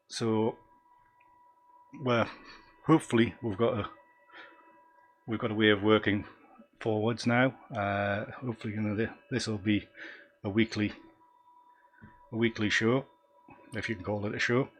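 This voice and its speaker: A man with a Northumbrian accent hosting a casual live stream, talking in a rambling, self-deprecating and easily sidetracked way. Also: on the low side. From Northumberland, England. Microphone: desktop microphone.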